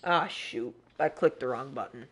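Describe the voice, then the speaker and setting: A young man talks his way through a live game stream at an even, middle pitch. He rambles and restarts his sentences, and grows irritated as the session drags on. The talk is loose and unscripted. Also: normal speed, husky. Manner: rambling, self-interrupting, frustrated. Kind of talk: casual live-stream chat.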